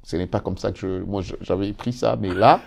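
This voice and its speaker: A man's voice: sits low, steady tone, brisk, creaky, darkish tone. A middle-aged man from the Democratic Republic of the Congo, a journalist telling stories as a guest in an interview, with many hesitant fillers and easy laughter. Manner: hesitant fillers, laughs while recounting anecdotes. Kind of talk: casual interview chat, animated storytelling.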